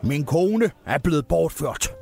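A man's voice: a little high, expressive, creaky, mellow, voice pushed up. A man voicing a furious, melodramatic Santa Claus in a comedic Christmas tale. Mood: ranting. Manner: ranting, grandly dramatic. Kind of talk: comedic storytelling.

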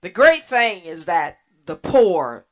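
A woman hosting a radio ministry program, preaching in a slow, earnest way with pauses and restarts. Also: lowish voice, very animated. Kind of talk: sermon.

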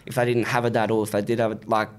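A man's voice: on the low side, very fast. Australian man, slangy, sweary street talker. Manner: blunt, animated storytelling with repeated "bro" and "like". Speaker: interview guest, rapper. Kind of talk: casual chat, heavy street slang and swearing.

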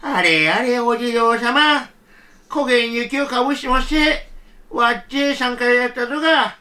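A man's voice: extremely high pitch, measured pace, sharp tone, recorded from a distance, voice pushed up, heavily acted. A man doing a humble old Kagoshima grandfather. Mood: humble, kindly. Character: kind poor old grandfather in a folktale.

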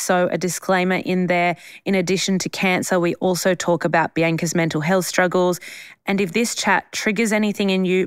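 A woman's voice: lowish voice, clear, resonant tone, no room sound, clean studio sound. A woman with an Australian accent, hosting a podcast in a casual, chummy, informal way. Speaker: podcast host. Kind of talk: casual podcast introduction and chat.

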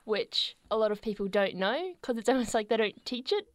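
A young Australian woman co-hosting a radio show in a studio, chatting casually with a playful, sarcastic humour and quick laughs. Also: on the high side, expressive, no echo. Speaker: radio co-host.

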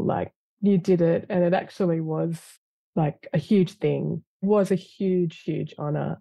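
Creaky, dark-voiced lawyer. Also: medium pitch, no room sound. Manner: reflective, earnest, with frequent fillers. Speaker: award-winning government lawyer, interview guest. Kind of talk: interview answers.

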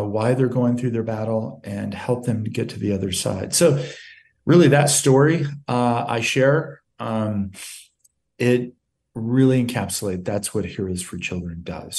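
With a lowish, darkish voice and vocal fry, a man who heads a nonprofit shares a heartfelt, earnest story during an interview. He re-creates old conversations by voicing both participants.

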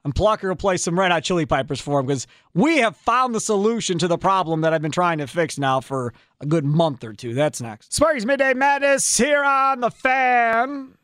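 A man's voice: fairly high pitch, expressive, brisk, few pauses, a bit bright, dry recording. A man hosting casual sports radio on a studio microphone, with a blunt, teasing way of talking. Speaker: radio show host.

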